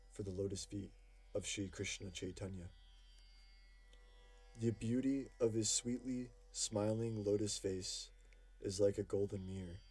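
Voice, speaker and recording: A man with a lowish, mellow voice reads devotional verses for an audiobook, slow and reverent. His tone is a little husky, and faint instrumental music plays underneath. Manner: slow, measured, reverent delivery. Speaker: audiobook reader. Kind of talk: devotional scripture reading. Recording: music playing faintly behind.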